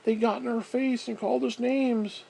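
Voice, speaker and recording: A man's voice: extremely high pitch, steady tone, moderate pace, vocal fry, darkish tone, husky, voice pushed up, exaggerated voice, low-quality recording. A man putting on a whining, sneering voice to parody a young male churchgoer.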